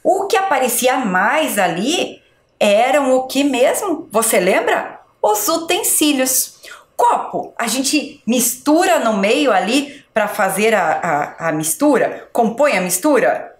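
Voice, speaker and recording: A woman teacher slowly sounding out syllables and letters for young children in a spelling lesson. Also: high-pitched, sing-song. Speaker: schoolteacher. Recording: echoey room.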